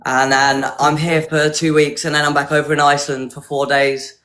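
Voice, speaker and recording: A woman from Hertfordshire, England, a dating show contestant, chats casually and at rambling length on a video call. Her voice is low and level, at a moderate pace, against a noisy background.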